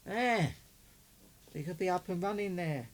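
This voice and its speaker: With a high, animated voice at a measured pace, a middle-aged man does a hands-on unboxing of a CB radio as a hobbyist presenter. He chats casually, muttering to himself, over clear background noise.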